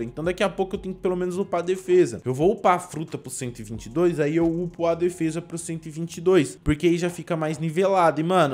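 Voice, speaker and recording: A young Brazilian man talks through his gameplay in a loose, rambling way, packing his sentences with slang fillers. His voice sits a little high for a man. A faint hiss runs under the recording. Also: darkish tone. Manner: slangy, rambling, full of fillers like "mano" and "velho". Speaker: gaming YouTuber. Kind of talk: casual gameplay commentary.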